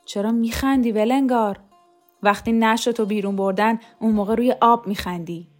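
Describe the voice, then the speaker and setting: A woman voicing a frail, delirious old man who shouts bitterly in a raspy voice. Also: fairly high pitch, fairly even intonation, faint music behind, lightly acted. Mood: scornful.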